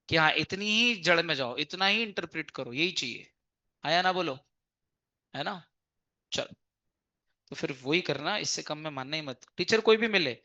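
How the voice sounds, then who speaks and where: A male teacher lectures with a forceful, bright edge in a slightly high voice. He keeps asking his class rhetorical questions and slips English legal terms into his explanations. The recording sounds dull and lo-fi. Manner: emphatic, asks students rhetorical questions. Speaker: CA exam teacher.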